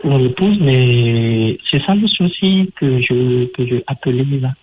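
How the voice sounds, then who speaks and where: A man's voice: mid-range voice, animated. Hesitant man on speakerphone. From Madagascar. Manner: halting, hesitant, repeats words. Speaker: caller. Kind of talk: radio call-in. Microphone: phone on speakerphone. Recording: dull phone line, faint noise.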